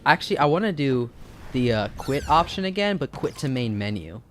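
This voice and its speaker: A man's voice: mid-range voice, big pitch swings, a little fast, a little hiss or hum. A young man playing a video game, goofy and talking back to the game's narrator, laughing often. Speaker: gaming YouTuber. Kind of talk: casual let's-play commentary.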